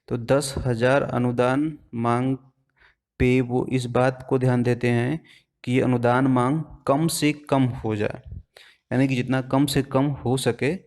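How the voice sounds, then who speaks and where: A man gives an exam-prep lesson. He moves step by step, often putting a question to the class and then answering it himself. His voice sits at an ordinary middle pitch. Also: darkish tone. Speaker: teacher.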